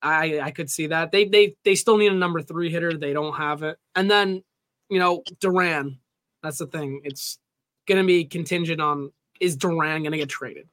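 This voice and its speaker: A man's voice: a little high, normal speed, a bit bright, no echo. A man co-hosting a casual sports podcast, talking loosely with many fillers and light jokes. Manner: loose, filler-heavy, jokey. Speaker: podcast co-host.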